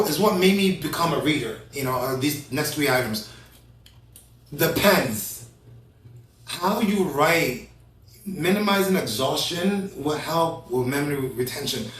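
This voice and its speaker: A man in his thirties hosting a casual talk show, energetic and rambling, often restarting his sentences. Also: fairly high pitch, reverberant, recorded from a distance, rough recording. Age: 30s. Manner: energetic, rambling, self-correcting. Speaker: host.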